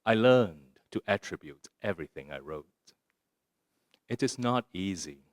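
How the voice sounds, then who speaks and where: With a low-pitched, animated voice and a measured pace, a Singaporean man muses on poetry before an audience in an arts center lecture room. The talk is conversational and includes a reading, peppered with a rhetorical "right?". There is no room sound, and the quality is studio-grade.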